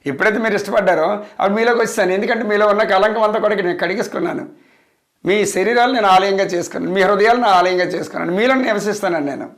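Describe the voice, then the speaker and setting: High-voiced preaching man. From India. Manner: emphatic, repetitive preaching with rhetorical questions. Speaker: pastor. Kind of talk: sermon.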